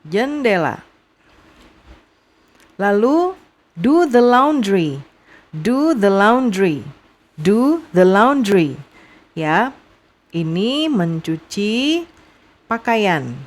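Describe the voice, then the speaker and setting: A young woman with an Indonesian accent runs a vocabulary lesson for young students. She speaks at an unhurried, deliberate pace in a mid-pitched voice, repeating each phrase patiently. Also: sing-song. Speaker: English teacher.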